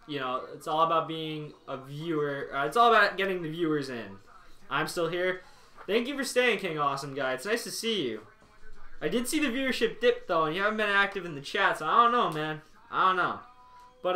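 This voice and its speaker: A young man with a bright, slightly high voice talks to his live chat in a rambling, wry way. The sound bounces around an echoey room. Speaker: live streamer. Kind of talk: casual live-stream chat.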